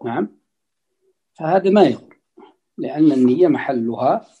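A man's voice: a little high, animated, dark tone, breathy edge, lo-fi sound. A man teaching as a religious scholar, explaining a classical text line by line and repeating key phrases. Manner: deliberate, repeats phrases for emphasis.

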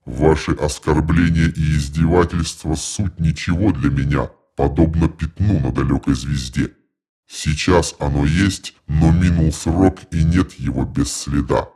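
Man voicing a deep alien priest muffled through a door. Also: fairly even intonation, a little slow, mellow, slightly rough, exaggerated voice. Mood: dignified. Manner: solemn, lofty, declaiming. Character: huge horned alien priest, dignified and haughty. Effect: muffled through a closed door. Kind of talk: audiobook narration.

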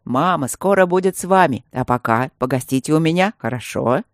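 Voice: medium pitch, animated, brisk, no room sound, studio quality, close to an everyday voice. An audiobook reader voicing a cheerful, teasing, protective adult male baron. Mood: soothing.

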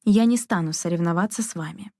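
A woman reading the lines of a proud nobleman, curt and icy, in a mellow, dry voice. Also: on the low side, quick pace, no room sound, lightly acted. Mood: cold. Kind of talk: audiobook character reading.

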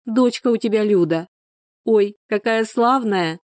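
A woman's voice: mid-range voice, moderate pace, a little mellow, no room sound, studio quality, close to an everyday voice. A woman voicing a fussy village neighbor who acts as midwife, scolding and fussing in a folksy way.

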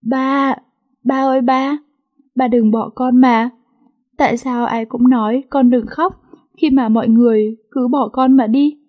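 A woman voicing a tough young heiress who pleads tearfully, her voice pitched up and breathy. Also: fairly even intonation, a little slow, darkish tone. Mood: tearful, pleading. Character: young heiress, tough but grief-stricken daughter.

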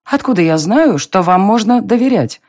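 A narrator voicing a quick-tempered young woman in an audiobook. She speaks high and sharp, and her indignant lines jump in pitch. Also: expressive, no room sound, clean studio sound, natural voice. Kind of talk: audiobook reading.

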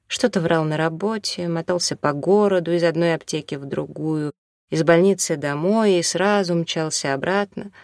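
A woman narrating an audiobook in an even, measured reading. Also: low voice, no echo, studio quality.

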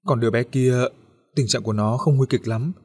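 A timid young nurse speaks softly and politely, as a man reads her part. The voice is husky and only slightly raised from his own. It sounds like storybook narration. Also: medium pitch, a little fast. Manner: soft-spoken, polite.

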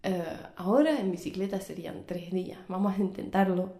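A woman from Belgium speaks Spanish with a strong Argentine accent in a low, mellow voice. She is a cheerful, hesitant guest who uses many fillers. The room is echoey, with faint music behind. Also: a little fast. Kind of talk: casual radio interview.

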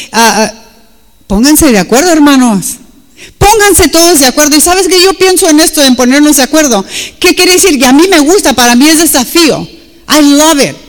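A woman's voice: high voice, in a large hall. Emphatic woman preacher. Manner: switches between Spanish and English, emphatic and repetitive. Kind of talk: sermon.

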